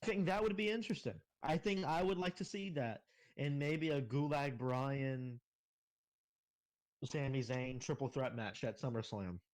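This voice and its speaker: A man's voice: medium pitch, normal speed, darkish tone, poor audio. A man co-hosting a casual wrestling podcast, chiming in with short agreements and laying out his predictions. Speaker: podcast co-host. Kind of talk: casual wrestling review chat.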